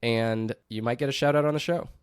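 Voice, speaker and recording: A man co-hosts a podcast in an easygoing chat, steering the conversation with a relaxed, amused manner. His voice sits at an ordinary middle pitch. The sound is dry and close, with no room echo. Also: brisk, clean tone. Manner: relaxed, laughs often, leads the talk. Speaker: podcast co-host. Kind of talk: casual chat.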